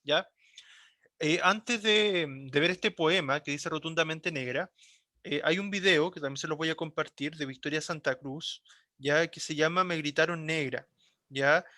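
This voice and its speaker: A man, a high school teacher explaining a lesson and often checking in with his class. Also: bright, forceful tone, dry recording, studio quality. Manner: explanatory, checks in often with a quick tag question.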